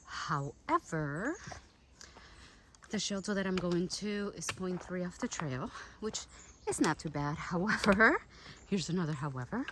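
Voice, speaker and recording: A woman's voice: lowish voice, expressive, measured pace. A woman hiker chatting to her camera outdoors on a trail, thinking aloud and sometimes out of breath. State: out of breath while hiking uphill. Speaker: long-distance hiker. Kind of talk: casual trail vlog. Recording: noisy outdoor recording.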